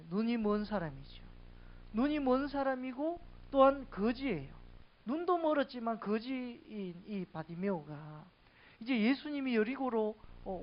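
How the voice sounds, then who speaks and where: A woman's voice: medium pitch, muffled recording. A woman preaching a sermon in a conversational way, asking the congregation questions.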